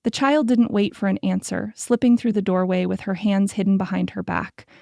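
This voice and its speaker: A woman reads a historical romance audiobook in a measured, storytelling way. Her voice is mellow and dark with a gravelly edge. The recording is close and dry, with no room sound. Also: mid-range voice, steady tone, no room sound. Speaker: audiobook narrator. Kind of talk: scripted narration.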